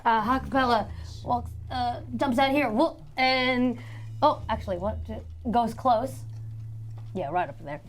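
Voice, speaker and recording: A woman's voice: on the high side, unhurried. A woman playing a tabletop game, hesitant and full of fillers as she describes her turn. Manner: hesitant, fills with ums and likes. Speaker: player.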